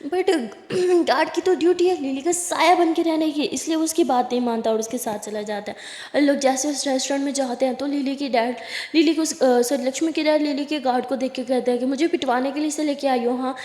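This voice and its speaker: A woman's voice: sits high, fairly quick, darkish tone. A woman narrating a love story in a chatty, conversational way. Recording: echoey room, long reverb.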